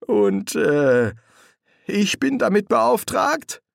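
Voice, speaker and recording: A man's voice: sits high, very animated, extremely slow, creaky, no echo, studio quality, voice pushed up, full character voice. A man voicing a nervous, fawning male demon who stammers and hesitates. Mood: whiny.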